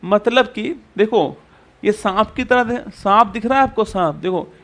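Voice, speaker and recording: Male coaching teacher with a high voice, repetitive, quizzing style. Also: expressive, unhurried, a bit bright. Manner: repetitive, quizzes students with rhetorical questions. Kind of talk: exam-prep classroom lecture.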